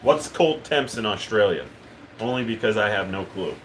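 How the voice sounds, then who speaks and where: A man's voice: fairly low pitch, normal speed, slight background noise. A man hosting a live stream, talking casually and rambling with lots of ums as he reads chat. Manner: relaxed, rambling, many ums and uhs. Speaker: livestream host.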